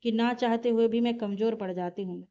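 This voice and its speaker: A woman voicing a shy, gentle young female student who speaks softly. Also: on the high side, steady tone, brisk, natural voice. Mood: quiet. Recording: dull lo-fi recording.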